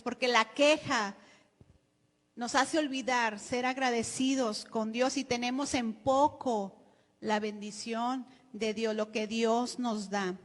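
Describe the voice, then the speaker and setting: Mexican woman pastor, high pitch, preaching sermon in a reverberant church hall. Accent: Mexican Spanish. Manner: preaching, addresses congregation as "hermano" often.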